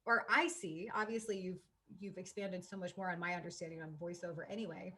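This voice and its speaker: A woman's voice: fairly low pitch, steady tone, brisk, pushed and bright. A woman hosting a casual interview over a video call, an eager and enthusiastic voice teacher. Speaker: host, voice teacher.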